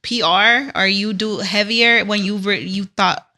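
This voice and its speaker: A woman's voice: medium pitch, steady tone, unhurried, sharp tone. A woman hosting a podcast in a studio, asking her guests questions in an upbeat, casual way. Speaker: podcast host. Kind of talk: casual chat. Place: recording studio.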